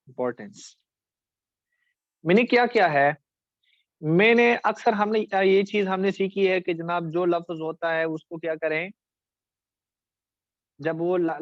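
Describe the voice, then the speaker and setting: In a classroom lecture on essay writing, a high-voiced male teacher with a Pakistani Urdu accent speaks straight to his students and keeps checking whether they follow. He draws out words slowly to make their syllables clear. The sound is close, dry and echo-free, though a bit dull and muffled.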